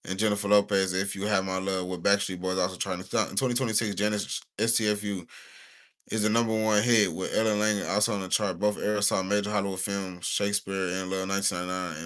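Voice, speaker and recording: A man's voice: low voice, a bit bright. A young man from the United States, talking casually on a livestream. He rambles in slang and sometimes reads stiffly from notes.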